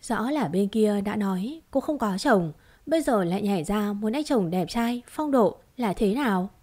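A woman narrating a romance story in a steady, even storytelling voice. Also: medium pitch, normal speed. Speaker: audiobook narrator.

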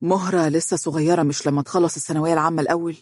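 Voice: medium pitch, steady tone, very fast, a little mellow, dry recording, studio quality, natural voice. A storyteller voicing a polite, anxious young male teacher who speaks with an Egyptian accent in a restrained way. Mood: tense. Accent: Egyptian Arabic.

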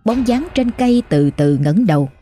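A woman storyteller reading a horror story aloud in a slow, suspenseful way. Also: on the high side, expressive, warm tone, breathy edge, soft background music. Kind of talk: scripted horror story narration.

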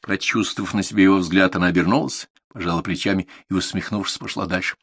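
A man calmly reading a literary story aloud as a narrator, in a measured storytelling manner. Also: deep voice, breathy edge, no echo, clean studio sound. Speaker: audiobook narrator.

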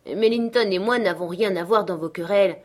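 A woman voicing an impulsive, affectionate teenage girl who asks eager, excited questions, in an audiobook. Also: medium pitch, brisk, natural voice. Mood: indignant. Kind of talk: audiobook character reading.

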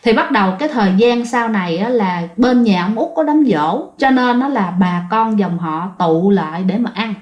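A woman's voice: medium pitch, lively intonation, moderate pace, hardly any pauses, a little mellow, dull audio. A woman narrating a ghost story in a chatty way, talking directly to her listeners. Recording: roomy echo.

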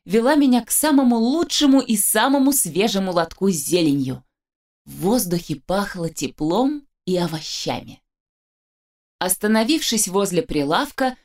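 A woman narrating a first-person story as an audiobook reader, with lively storytelling and a dry wit. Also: medium pitch.

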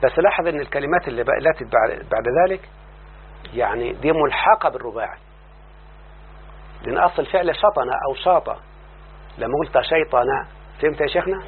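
A man with an Egyptian accent explains a classical text on Arabic morphology to a student, frequently asking whether he follows. His mid-range voice is expressive, and he repeats word forms slowly, drawing them out. The line sounds tinny and phone-like, with a faint hum.

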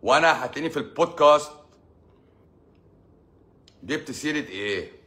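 A man's voice: medium pitch, expressive, normal speed, fairly bright tone. An Egyptian man, a doctor, talking casually to his audience in a sarcastic, mocking advice-giving way. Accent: Egyptian Arabic. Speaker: doctor hosting his own channel. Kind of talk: casual monologue.

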